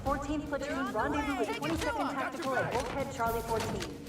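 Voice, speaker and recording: Brief: a video game ship announcer over the loudspeaker, slightly high, clipped orders, echoey and distant, loud music behind. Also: female voice, a little fast. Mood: urgent orders. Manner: calm, clipped military orders.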